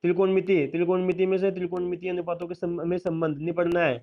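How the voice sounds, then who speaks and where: A man's voice: high-pitched, little pitch movement, fast talker, highs cut off. A man teacher, steadily listing a school syllabus and adding reassuring asides.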